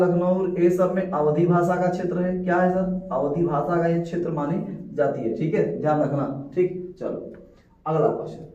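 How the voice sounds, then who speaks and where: A man's voice: sits high, mellow. A man teaching an exam-prep Hindi lesson, asking rhetorical questions and repeating the answers, calling his listeners dear friends. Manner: repetitive, rhetorical questioning of students. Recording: echoey, distant, dull lo-fi sound.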